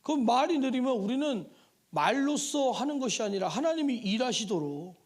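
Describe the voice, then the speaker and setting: High, lively-voiced male pastor preaching. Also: moderate pace. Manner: lively and conversational, with rhetorical questions and asides to the congregation. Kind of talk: sermon. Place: church sanctuary.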